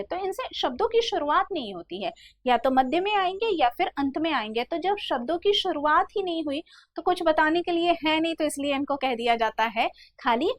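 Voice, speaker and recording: A woman with a high voice teaches a grammar lesson, sounding out each letter slowly and explaining step by step. She speaks to her students affectionately as "beta." The sound is dry and close, with no room echo. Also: a bit bright. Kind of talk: classroom lesson.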